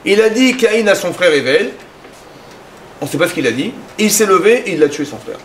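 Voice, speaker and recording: A man giving a lively sermon as a rabbi, acting out little dialogues in his talk. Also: a little fast, a little hiss or hum. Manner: animated, acts out dialogues with rising pitch.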